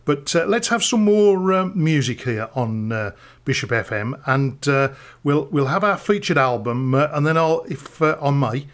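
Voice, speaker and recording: A man's voice: fairly high pitch, animated, normal speed, hardly any pauses. A man presenting local radio, interviewing conversationally in an encouraging way, often ending on tag questions.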